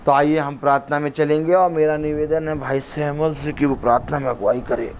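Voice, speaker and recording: A man preaching a fiery sermon at a home gathering, shouting and repeating lines for emphasis. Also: on the high side, fairly even intonation, fairly quick, dull audio, crowd noise.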